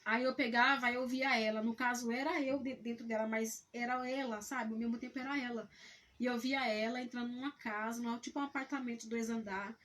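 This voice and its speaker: A woman's voice: a little high, steady tone, a bit bright. Earnest woman recounting a vision. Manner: halting, repeats and restarts words, earnest. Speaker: missionary. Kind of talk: testimony of a vision.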